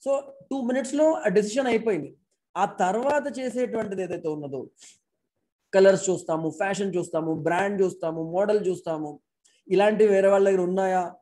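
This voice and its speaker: He is lecturing remotely to an online class, his high-sitting, warm voice carried by an external mic plugged into a laptop. The recording is rough with slight background noise, and he mixes English phrases into his talk while posing rhetorical questions.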